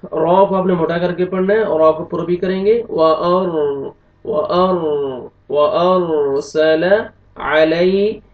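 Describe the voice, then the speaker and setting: A man with a Pakistani Urdu accent teaching Quran recitation, spelling out syllables and then chanting the verses slowly between brisk explanations. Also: high-pitched, steady tone. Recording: dull lo-fi room echo from a distance.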